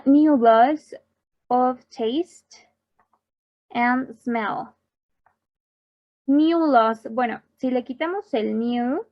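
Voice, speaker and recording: A woman teacher giving a recorded class and repeating each term slowly so students can copy the pronunciation. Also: a little high, highs cut off. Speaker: English teacher for health workers. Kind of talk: recorded online class explaining slides.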